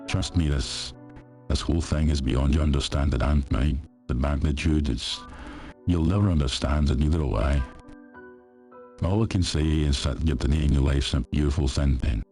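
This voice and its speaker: A man voicing a calm, apologetic killer. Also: extremely low pitch, moderate pace, soft background music. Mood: reassuring. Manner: soft, reassuring, coaxing.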